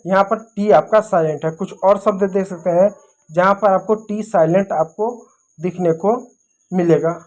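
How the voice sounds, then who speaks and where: A woman's voice: medium pitch, dark tone. A woman teaching English spelling rules, patiently repeating each point and spelling words out letter by letter.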